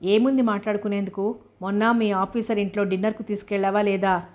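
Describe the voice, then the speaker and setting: A woman's voice: mid-range voice, level tone, natural voice. A woman reading as Kalyani, a distraught accusing young woman. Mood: upset. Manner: sharp, rapid accusing questions.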